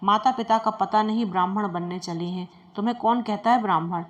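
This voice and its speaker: Pompous greedy priest man, blustery and quick to threaten, read by a woman. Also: mid-range voice, highs cut off, lightly acted. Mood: indignant. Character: greedy pompous male priest, hot-tempered.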